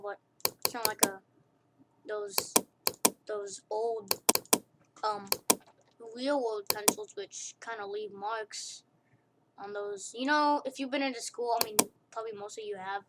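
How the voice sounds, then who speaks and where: A woman's voice: medium pitch, a little slow, long pauses. A young woman casually talking through a screen-recorded drawing tutorial, rambling, correcting herself and giggling at her own asides. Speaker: tutorial maker. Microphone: computer mic during screen recording. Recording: loud hiss with keyboard and mouse clicks.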